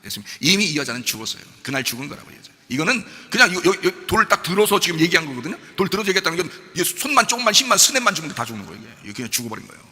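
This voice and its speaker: Male pastor, dramatic preaching, lively swooping pitch, bright forceful tone, long hall reverb. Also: rapid-fire, few pauses. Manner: dramatic preaching, acting out quoted dialogue, swinging from loud to hushed. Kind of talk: sermon. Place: church sanctuary. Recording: long echo of a large hall.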